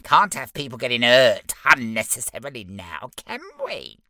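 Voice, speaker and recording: A man's voice: medium pitch, sing-song, normal speed, bright, forceful tone, dry recording, studio quality. A man voicing a fussy, officious little male imp with a prim, wheedling drawl.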